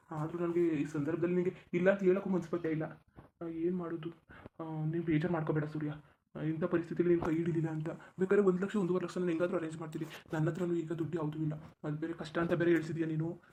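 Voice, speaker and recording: Someone doing an evasive young cartoon friend, hesitant, apologetic, quick. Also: mid-range voice, level tone, warm tone, a little hiss or hum, lightly acted. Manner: hesitant, full of fillers, apologetic. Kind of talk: cartoon voice acting.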